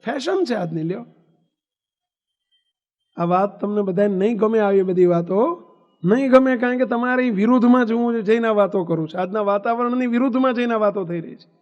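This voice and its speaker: A man's voice: high voice, fairly quick. A man with a Gujarati accent, a swami giving a sermon to young people, preaching, asking the crowd questions and telling stories. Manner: preachy, asks the audience questions, tells anecdotes. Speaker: swami giving a discourse to youth. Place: hall at a religious gathering. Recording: dull reverberant hall recording.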